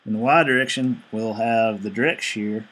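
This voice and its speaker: A man's voice: lowish voice, moderate pace, fairly bright tone. A male engineering instructor giving a screencast lecture, explaining each step evenly and reading out numbers as he works.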